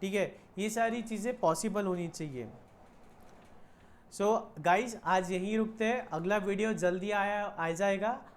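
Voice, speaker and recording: A woman's voice: mid-range voice, a little slow, slight background noise. A woman teaching an online commerce lesson, mixing Hindi with Indian-accented English and repeating key points. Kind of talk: online lecture.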